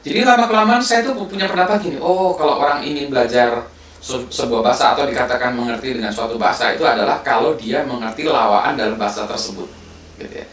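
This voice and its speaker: A man in his fifties from Indonesia, talking casually and at length, pausing often with fillers and restarting his words. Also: mid-range voice. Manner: relaxed and rambling, with many fillers and restarts. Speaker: host. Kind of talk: casual monologue. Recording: roomy sound from a distant mic with faint background noise.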